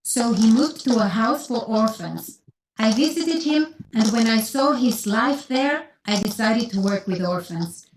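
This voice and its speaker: An interviewed orphanage founder on a textbook listening track, her voice slightly high. She gives even, carefully read answers. A faint hiss of noise sits behind her. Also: unhurried. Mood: calm. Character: warm-spoken female orphanage founder. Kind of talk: scripted course-audio interview.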